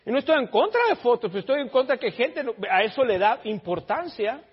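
A man's voice: extremely high pitch, expressive, brisk, breathy edge. A man preaching a blunt, teasing sermon in a church, calling out his congregation, in a dull lo-fi recording. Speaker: pastor.

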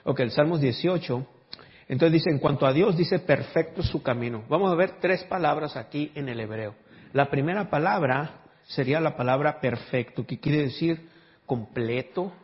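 Brief: male pastor, emphatic sermon delivery, slightly high voice, long reverb, dull lo-fi sound. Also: moderate pace. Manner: emphatic preaching with call-and-response asides.

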